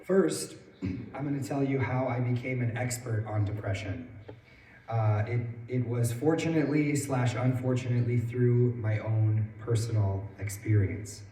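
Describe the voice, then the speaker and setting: A man in his twenties with a hoarse, worn-out voice, giving a personal public talk as a guest speaker. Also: medium pitch, a little slow, warm tone. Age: 20s. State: hoarse from losing his voice that morning. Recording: roomy echo, distant mic, faint noise.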